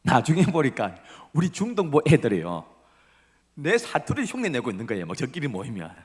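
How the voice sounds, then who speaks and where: Pitched on the high side, this middle-aged Busan-born pastor with a Gyeongsang (Busan) Korean accent delivers a dramatic sermon in a church sanctuary. He swings from loud emphasis to breathy whispers and acts out quoted voices, while the hall's long reverb lingers.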